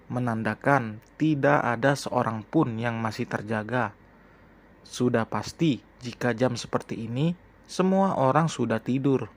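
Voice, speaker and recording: Man calmly narrating a story. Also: medium pitch.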